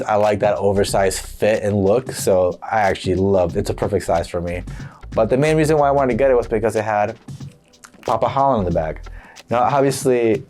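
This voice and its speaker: A man showing off his football jersey collection in a casual, upbeat, chatty way, his voice a bit rough from being sick. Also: fairly low pitch, darkish tone. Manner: chatty, upbeat, filler-heavy. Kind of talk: casual show-and-tell.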